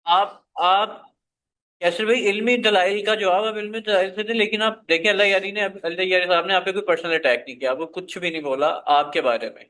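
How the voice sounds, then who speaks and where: Bright high guy moderating, keeps begging folks to stay polite. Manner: pleading, calming, urging civility. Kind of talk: moderating a live debate.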